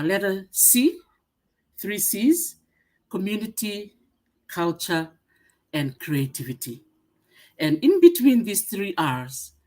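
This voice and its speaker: A middle-aged woman from Fiji giving a webinar presentation, pausing often with "uh" as she lists her points. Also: lowish voice. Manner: many "uh" fillers, warm greetings, listing points. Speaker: museum association secretary-general speaker.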